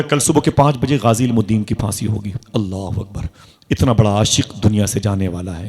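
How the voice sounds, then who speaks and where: A man's voice: fairly low pitch, a little mellow, breathy edge. Fervent male preacher telling a story. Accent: Indian Urdu. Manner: dramatic, rising to fervent exclamations and wailing sighs. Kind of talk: emotional religious sermon storytelling. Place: live religious gathering.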